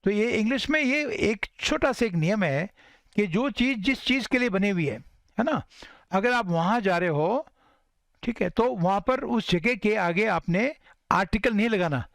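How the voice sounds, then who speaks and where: Man, high voice, English teacher; dry close sound, slow model sentences, frequent check-ins with listeners. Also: animated, a bit bright, no room sound. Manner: mixes Hindi and English, slows down to model English sentences. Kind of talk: spoken English lesson.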